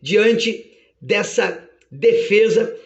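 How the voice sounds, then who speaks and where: A preacher voicing God as a solemn judge, low and slow. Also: male voice, animated, creaky, muffled recording, full character voice.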